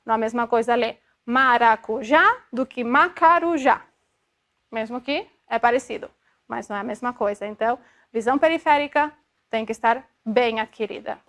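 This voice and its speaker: High-voiced woman lecturing a class. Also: normal speed, a bit bright. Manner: explanatory, checks in with frequent tag questions; demonstrative, sounds out syllables to illustrate. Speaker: optometry lecturer.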